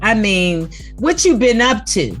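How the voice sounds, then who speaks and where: A woman's voice: mid-range voice, very animated, slow pace, faint music behind. A woman hosting a casual podcast interview over a video call, upbeat and friendly with an easygoing street slang. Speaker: podcast host.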